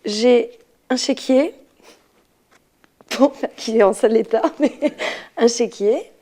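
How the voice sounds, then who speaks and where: Amused higher-voiced woman teacher. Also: takes it slowly, dark tone. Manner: amused, laughing at herself. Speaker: schoolteacher being interviewed. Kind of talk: casual talk while emptying her handbag.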